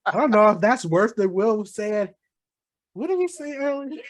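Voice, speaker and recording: A man's voice: high voice, expressive, normal speed. A man hosting a podcast chat, teasing his co-hosts and laughing often. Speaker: podcast host. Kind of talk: casual chat.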